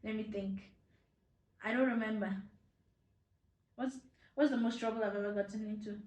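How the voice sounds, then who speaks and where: A woman's voice: mid-range voice, fairly even intonation, moderate pace, darkish tone. A young woman from Nigeria hosting a casual chat with her mother, talking in a playful way with many fillers and restarts. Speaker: host. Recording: echoey room.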